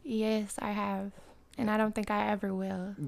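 A woman's voice: medium pitch, little pitch movement, normal speed, creaky. A woman guest on a podcast, talking in a laid-back, slangy way with lots of fillers, born in Russia and raised in Canada. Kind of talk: casual chat.

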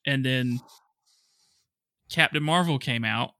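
Male co-host, bright tone, knowing and wry, casual trivia chat, dry mic. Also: medium pitch, slow, creaky, dry recording. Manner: knowledgeable, wry, adds trivia. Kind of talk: casual movie review chat.

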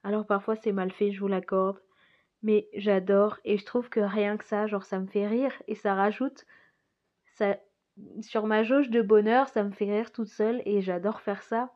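A woman's voice: medium pitch, steady tone, unhurried. A woman in a casual reflective monologue as a podcast host, musing and rambling, often laughing. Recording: slightly dull lo-fi recording.

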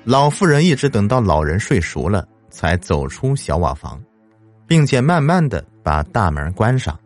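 A man narrating a scripted ghost story in a measured, expressive reading. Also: on the low side, faint music behind.

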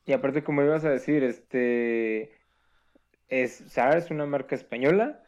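A man's voice: medium pitch, unhurried, darkish tone. A young Mexican man co-hosting a podcast, explaining things in casual, slangy chat. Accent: Mexican Spanish. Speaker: podcast co-host.

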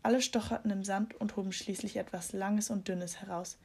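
A woman narrating a children's audiobook in a calm storytelling manner. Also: mid-range voice, a little fast, slight background noise.

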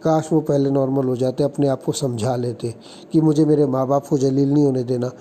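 A man's voice: mid-range voice, steady tone, fairly quick, warm tone, a little hiss or hum. A man giving earnest, lecturing relationship advice, telling example stories and acting out what people said. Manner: earnest, lecturing, acts out quoted lines.

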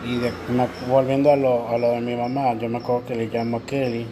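A man's voice: mid-range voice, level tone, brisk, mellow, slight background noise. Mexican man telling a personal story. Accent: Mexican Spanish. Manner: candid, emotional storytelling with slang. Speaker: co-host. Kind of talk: casual chat.

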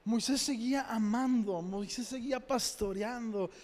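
High-voiced Mexican preacher, chatty and joking. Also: male voice, unhurried, a little mellow. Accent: Mexican Spanish. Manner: conversational storytelling with humor and acted quotes. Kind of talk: sermon. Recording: long hall reverb.

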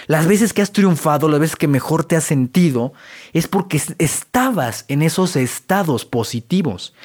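Mexican Spanish man, self-help podcast host, slightly high voice, direct and conversational. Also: a little mellow. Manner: direct, conversational, addresses listener as tú. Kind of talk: motivational monologue.

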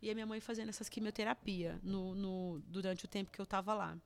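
A woman's voice: medium pitch, fairly even intonation, quick pace, creaky, clear, resonant tone. Earnest Brazilian woman sharing a testimony. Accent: Brazilian Portuguese. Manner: earnest and emotional, with many restarts. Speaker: guest giving a testimony. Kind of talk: personal testimony in casual chat.

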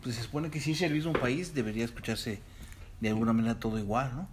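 A man with a Mexican accent co-hosting a casual podcast chat, animated and fond of mimicking regional ways of speaking. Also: mid-range voice, fast, noisy background. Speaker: podcast co-host.

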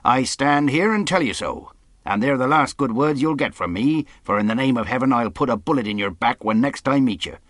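A man's voice: mid-range voice, expressive, a little fast, fairly bright tone, no room sound, clean studio sound, voice pushed up, close to an everyday voice. A man voicing a stern, defiant sea captain in an audiobook, with clipped, authoritative, emphatic delivery. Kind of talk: audiobook character acting.

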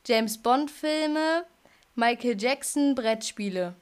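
A woman's voice: fairly high pitch, expressive, slow pace, smooth. A young woman moderating a casual quiz game with friends on a video call, bossy and teasing. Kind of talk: casual chat among friends.

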